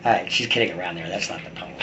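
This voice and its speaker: A middle-aged man talks in a low, rapid-fire voice, delivering a rambling, blunt, opinionated personal monologue the way a video blogger addresses his camera. The room is echoey, with faint noise in the background.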